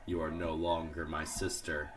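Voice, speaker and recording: A man reading the lines of a bitter young woman who disowns her sister, slow and quiet. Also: rumbling low, level tone, far from the mic, pitched below the performer's own voice. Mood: cold.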